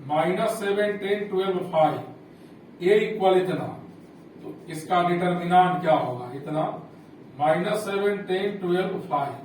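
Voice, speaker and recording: A man with a fairly high voice works through a maths lesson, going step by step and asking questions back to his class. He sounds some way from the microphone, and the room rings with strong echo. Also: unhurried, darkish tone. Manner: explains step by step, repeats and asks rhetorical questions. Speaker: maths teacher. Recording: echoey room, heard from a distance, faint hum.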